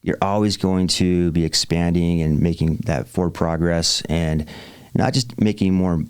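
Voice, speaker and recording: A man's voice: low-pitched, fairly even intonation, a little slow, a little mellow, smooth, dry recording. A man in his forties, a real estate investor guest on a podcast, telling his story with upbeat enthusiasm and plenty of fillers. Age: 40s. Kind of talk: podcast interview.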